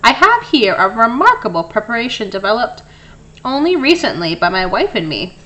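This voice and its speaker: A woman reading the part of a brisk, firm male mouse dentist in a storybook, announcing things with professional authority. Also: a little high, very animated, lo-fi sound. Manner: firm, announcing, sometimes sharp.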